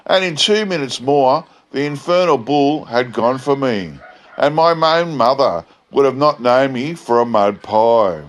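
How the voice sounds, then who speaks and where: Drover played by a male reader: laconic outback drawl, very unhurried, deadpan, telling a tall bush yarn. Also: mid-range voice, voice pushed up, close to an everyday voice. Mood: emphatic, deadpan. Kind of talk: dramatic bush yarn storytelling.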